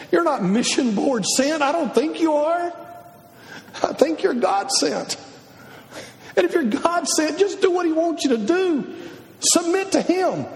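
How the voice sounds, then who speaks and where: High-pitched, lively male preacher in an echoey hall. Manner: animated, shouting bursts, acts out voices. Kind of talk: sermon.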